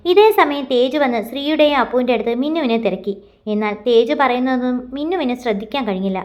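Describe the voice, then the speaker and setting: Woman narrating a love story, steady reading, highish voice. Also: fast.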